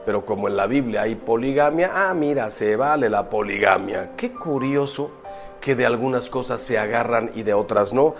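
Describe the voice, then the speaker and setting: A priest preaching, emphatic and full of rhetorical questions, moving from loud exclamations to quiet asides. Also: male voice, mid-range voice, moderate pace, soft background music. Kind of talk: preaching talk.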